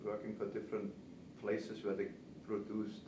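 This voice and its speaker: An Austrian-accented man in his seventies, a native German speaker who teaches pastry and cakes, talks through interview questions at normal speed in a fairly low, completely flat voice. It was recorded from a distance in a noisy, roomy space.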